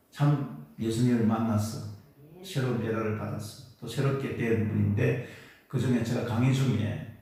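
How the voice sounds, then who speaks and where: A man's voice: mid-range voice, vocal fry, mellow. A male pastor preaching a Sunday sermon in an earnest, coaxing way, often repeating phrases and prompting the congregation. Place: church sanctuary during Sunday service. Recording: echoey church hall from far off.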